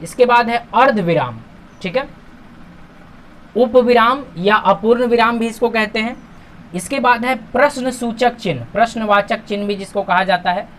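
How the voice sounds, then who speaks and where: A man teaching a grammar lesson, patiently walking through on-screen examples, asking himself questions and answering them, and reading example sentences slowly with emphasis. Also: very high-pitched, a bit bright, a little hiss or hum. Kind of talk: classroom-style lesson explaining on-screen examples.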